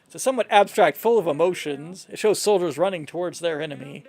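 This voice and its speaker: A man voicing a pompous painter grandly pitching his own art in a video game read-along. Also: fast talker, gravelly. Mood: boastful. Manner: grand, salesman-like. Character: pompous self-promoting painter selling his abstract art.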